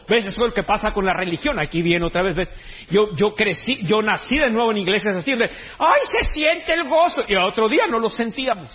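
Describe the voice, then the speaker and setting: A pastor preaches with a casual, joking tone and street slang. His voice sits high and sounds husky. The recording is dull and lo-fi. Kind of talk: sermon.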